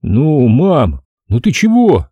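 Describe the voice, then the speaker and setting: A blunt young soldier in an audiobook, talking fast in slang and with impatience, played by a man narrating. His voice is pitched a bit higher than the narrator's, with a dark, husky grain. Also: huge pitch swings, dry recording, highs cut off, heavily acted. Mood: agitated.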